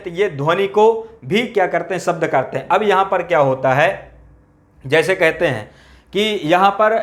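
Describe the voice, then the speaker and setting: A man with a fairly high voice gives a grammar lecture aimed at exam students. He says each key phrase again and again. He keeps checking understanding with rhetorical questions. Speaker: Sanskrit grammar teacher.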